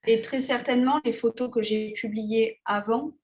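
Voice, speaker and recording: A woman's voice: a little high, steady tone, normal speed, darkish tone, a little hiss or hum. A woman photographer talking casually as an interview guest, hesitant, with many fillers and restarts. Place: Tahiti.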